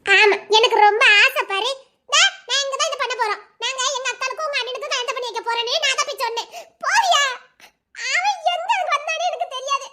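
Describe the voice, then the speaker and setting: A piping, childlike-high voice that rattles along at a breakneck clip belongs to a feisty young village woman, played by a woman. she teases and jokes and throws out mock threats in this audio love drama, giggly and quick as she goes. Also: very noisy. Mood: teasing. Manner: rapid rural chatter, giggly, mock threats.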